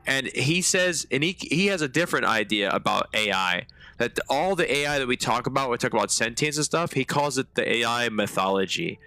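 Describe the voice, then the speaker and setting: A man streaming a game live and talking to his chat in a loose, slangy way. His voice is bright and forward with some edge, and the sound is close and dry. He rambles into animated stories between moments of play. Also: mid-range voice, a little fast, no room sound. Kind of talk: live gameplay commentary.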